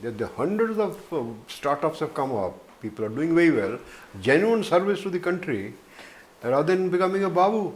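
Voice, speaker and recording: An older man on an interview panel, asking probing questions in a halting, rambling way. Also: on the high side, very animated.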